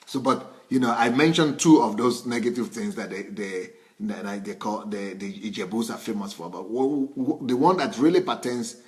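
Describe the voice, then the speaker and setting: A middle-aged man with a Nigerian accent, preaching in a relaxed, conversational way and often restarting and repeating words. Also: lowish voice, moderate pace, few pauses. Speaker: pastor. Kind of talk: sermon.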